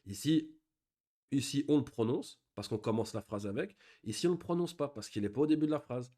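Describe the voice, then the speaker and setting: A patient male teacher leads a beginners' class in Arabic reading. He sounds out example phrases slowly, then breaks each rule down calmly, step by step. His voice sits at an ordinary middle pitch. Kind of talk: online Arabic reading lesson.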